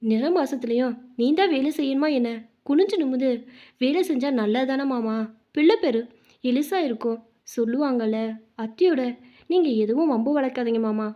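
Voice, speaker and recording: A woman's voice: high voice, lively intonation, normal speed, dull audio. A woman voicing a grieving, pregnant young daughter-in-law who pleads through tears. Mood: gentle. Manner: pleading, tearful.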